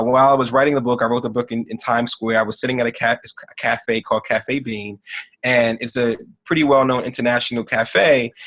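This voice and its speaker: Soft-trailing man telling a story. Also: medium pitch. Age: 30s. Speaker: podcast guest, author. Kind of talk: conversational interview.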